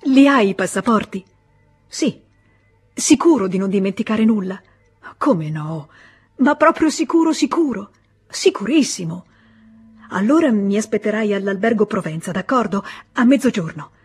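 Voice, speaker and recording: A woman reading as a passionate young wife eager to run off with her lover, speaking in a tender, impassioned way that sometimes falls to a hush. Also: medium pitch, unhurried, husky, faint music behind. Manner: impassioned, at times hushed. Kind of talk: audiobook character reading.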